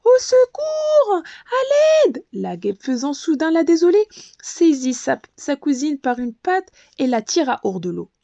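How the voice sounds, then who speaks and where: A woman narrates a children's bedtime story in a high, lively voice with wide swings in pitch. She reads gently and expressively, and the recording is close and dry. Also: moderate pace, gravelly, no echo, muffled recording.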